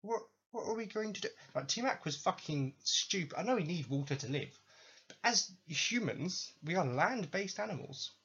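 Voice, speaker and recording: A man rants his way through a comedy podcast, swearing often and sounding sarcastic and fed up. His voice is bright and a little husky, with pitch swooping widely, recorded on a dull lo-fi mic. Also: expressive, moderate pace. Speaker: podcast host. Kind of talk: comedic rant.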